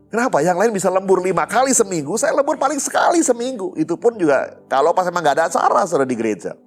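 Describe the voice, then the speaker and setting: A male pastor preaches with an easy, conversational storytelling manner. He talks to his congregation directly and keeps coming back to address them. Soft music plays faintly under his voice. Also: high voice, very animated, fast talker. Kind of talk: sermon with personal story.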